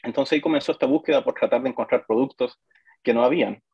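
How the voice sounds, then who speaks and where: A man from Chile, chatting casually as a guest and pausing often with fillers and restarts. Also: mid-range voice, gravelly, husky, dry recording, muffled recording. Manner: hesitant, frequent fillers and restarts. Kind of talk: casual conversation.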